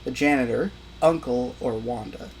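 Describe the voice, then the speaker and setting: A man's voice: medium pitch, normal speed, slight background noise. A man running a tabletop role-playing game as game master, describing scenes in a casual, chatty way. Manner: casual, chatty, lots of fillers.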